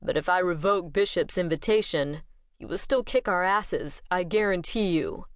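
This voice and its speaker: A woman's voice: lowish voice, normal speed, no room sound, clean studio sound, lightly acted. A woman reading an audiobook, voicing a tense young male vampire who speaks tersely and urgently to his housemates.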